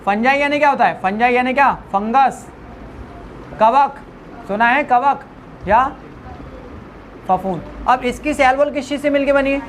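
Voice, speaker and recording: A woman's voice: high voice, unhurried, long pauses, slight background noise. A woman biology teacher lecturing a classroom, repeating questions for the students to answer back and joking with them informally. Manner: repeats questions to the class, call-and-response drilling.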